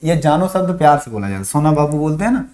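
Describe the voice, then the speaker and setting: A man teaching a chemistry lesson, repeating memory phrases slowly for students to write down and asking and answering his own questions. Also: a little high, sing-song, darkish tone. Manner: drills mnemonics, repeats phrases slowly for dictation. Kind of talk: online classroom lesson.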